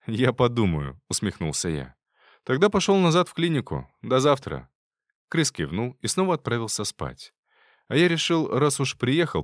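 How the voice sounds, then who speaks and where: A man narrating a first-person audiobook in a calm, wry manner. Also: mid-range voice, no echo, studio quality.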